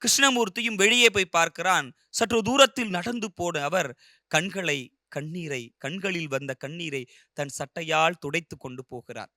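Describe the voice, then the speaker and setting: A man retelling a short story with expressive, animated narration. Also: fairly high pitch, moderate pace, no echo, studio quality.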